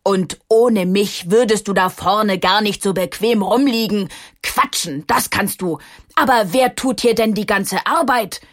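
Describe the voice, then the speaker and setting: A woman voicing a big, heavy male stone with a gruff, grumbling but friendly manner in a children's story. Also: medium pitch, measured pace, natural voice.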